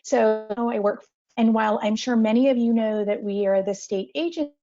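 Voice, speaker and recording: A woman's voice: on the high side, normal speed, dark tone, lo-fi sound. A woman presenting over a video call whose audio keeps breaking up and cutting out. She keeps apologizing and asking whether she can be heard. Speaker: guest presenter. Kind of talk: virtual presentation.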